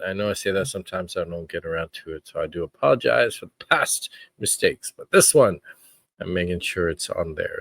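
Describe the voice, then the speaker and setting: A man hosting his own podcast, talking in an earnest, reflective way with frequent pauses. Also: on the low side, fairly bright tone, no room sound. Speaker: podcast host. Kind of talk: casual podcast commentary.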